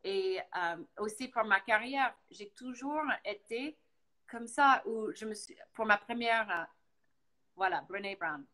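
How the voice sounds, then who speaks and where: A woman from Boston, United States, with an American English accent and English as her first language, chats casually as a guest on a live talk, telling stories with animation and slipping into English now and then. Her voice is medium-pitched and her pace measured, on a low-quality recording.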